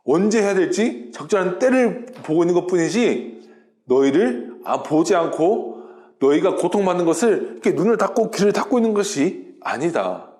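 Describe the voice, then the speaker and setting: A man voicing God as a calm, patient teacher speaking slowly and steadily. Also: on the high side. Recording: roomy echo.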